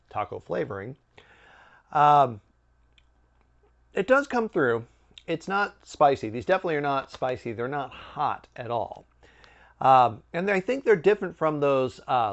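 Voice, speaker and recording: A man hosting a snack review, chatting casually with animated, swooping emphasis. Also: a little high, muffled recording. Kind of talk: casual food review chat.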